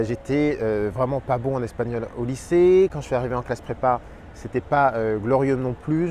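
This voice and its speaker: A Spanish teacher in his thirties who runs a language channel shares tips to camera with energy and expression. He's outdoors beside a park pond wearing a lapel mic, his voice mid-range, with a little hiss or hum in the audio.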